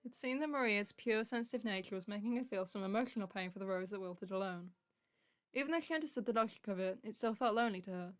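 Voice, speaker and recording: A woman's voice: mid-range voice, fast, no room sound. A woman hosting a let's-play, reading visual novel text aloud with a playful, giggly manner.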